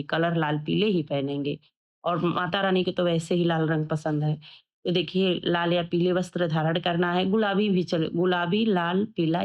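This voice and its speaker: A woman giving step-by-step devotional instructions, direct and repetitive as she explains a worship ritual. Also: on the low side. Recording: dull lo-fi sound.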